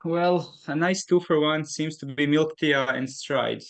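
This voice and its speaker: A man's voice: on the high side, unhurried, vocal fry. A man on a casual group video call, giving brief, matter-of-fact answers. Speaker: community member on call.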